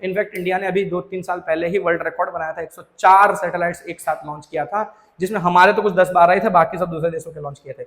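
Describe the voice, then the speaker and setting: A man's voice: sits high, fairly even intonation, quick pace, a bit bright, long reverb tail. A man teaching a school social science lesson, explaining in a chatty, informal way and mixing in English terms. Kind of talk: classroom lecture.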